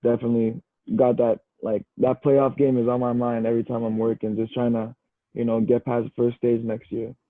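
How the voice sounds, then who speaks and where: Over a tinny, dry, phone-like connection, a young adult man from Canada talks a little fast at a medium pitch. A university football player appearing as a podcast guest, he keeps things casual, relaxed and easygoing, saying "bro" and "you know" a lot.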